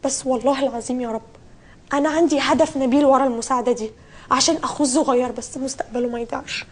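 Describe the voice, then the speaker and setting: An actress playing a scolding, exasperated older sister with an Egyptian accent. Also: female voice, high-pitched, steady tone, very fast, slight background noise, lightly acted. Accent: Egyptian Arabic. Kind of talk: comedy sketch acting.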